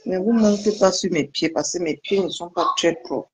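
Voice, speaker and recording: A woman's voice: fairly low pitch, moderate pace, husky. A woman vlogger, chatting casually and teasingly to her viewers. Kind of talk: casual live video chat.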